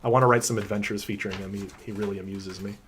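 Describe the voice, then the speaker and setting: A man who designs tabletop games, chatting casually through a livestream Q&A with frequent ums and a relaxed, rambling manner. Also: on the low side, rapid-fire, a little hiss or hum. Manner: enthusiastic about his characters.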